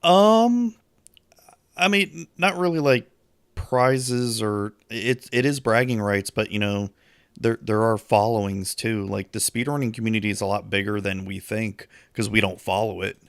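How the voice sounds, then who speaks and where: A man's voice: fairly low pitch, flat delivery, moderate pace, no room sound, studio quality. A man co-hosting a casual gaming podcast, laid-back and profane, and losing his voice. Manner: laid-back, short agreeing replies, casual swearing. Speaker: podcast co-host.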